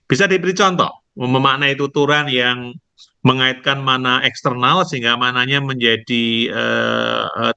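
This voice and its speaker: A male university lecturer giving an online lecture, explaining slowly and tagging nearly every phrase with a questioning "ya". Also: mid-range voice, creaky, pushed and bright, clean tone. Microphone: video call. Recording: dull lo-fi online call audio.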